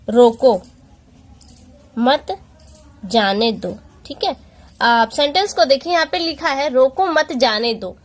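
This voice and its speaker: This is a high-voiced woman giving an exam-prep class, patiently explaining things step by step and using rhetorical questions. When she reaches example sentences, she reads them out more slowly.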